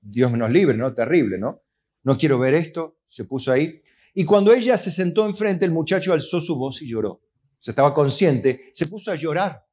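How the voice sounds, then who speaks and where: Animated Argentine pastor preaching. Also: male voice, a little high, normal speed. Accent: Argentine Spanish. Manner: animated preaching that acts out voices of God and the complaining believer; asks the congregation questions and answers them himself. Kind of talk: sermon.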